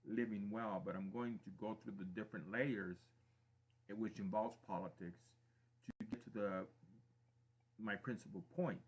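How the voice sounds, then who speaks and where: A middle-aged man from Mexico hosting a live stream, giving a deliberate, emphatic opinion monologue and repeating phrases for weight. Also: fairly low pitch. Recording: dull lo-fi stream audio.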